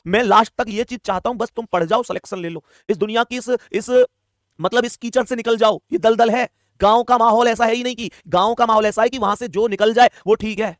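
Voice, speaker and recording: A man's voice: high-pitched, steady tone, brisk, no room sound, clean studio sound. A man teaching an online exam math lesson, emphatic and coaxing, repeating key points and urging viewers to reply.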